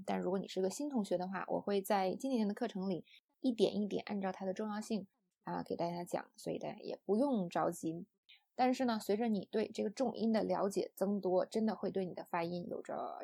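Young woman from China, English pronunciation teacher, mellow husky voice, patient and explanatory. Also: medium pitch, steady tone, fairly quick. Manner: patient, explanatory, with many "啊" and "呃" fillers. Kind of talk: online audio lesson.

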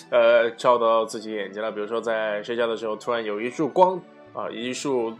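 A man's voice: mid-range voice, steady tone, normal speed. Guy chatting through a dialect lesson, giggles a lot, faint music behind. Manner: giggly, chatty, self-correcting. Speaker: dialect teacher.

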